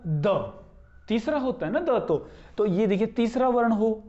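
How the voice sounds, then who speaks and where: A man's voice: high-pitched, lively intonation, measured pace, darkish tone, dull audio. A man teaching a grammar lesson, explaining step by step, asking his own questions and answering them, and spelling out words syllable by syllable. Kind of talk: classroom-style grammar lesson.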